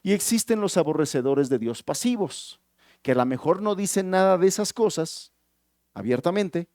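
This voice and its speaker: A man's voice: mid-range voice, mellow, dry recording, clean studio sound. A male pastor with a Mexican Spanish accent preaching a sermon in a conversational, storytelling way. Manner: conversational storytelling, many restarts.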